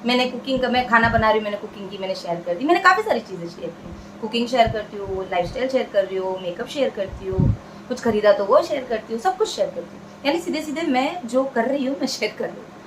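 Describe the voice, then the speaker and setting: Woman vlogger, a touch high-pitched, earnest, chatty, repeats herself for emphasis. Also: animated, fast, background noise. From India. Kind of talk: casual talk to camera.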